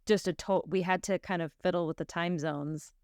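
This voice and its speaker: A woman co-hosting a podcast, upbeat and teasing, reacting quickly to her co-host. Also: fairly low pitch, steady tone, dry recording, studio quality. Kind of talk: casual podcast chat.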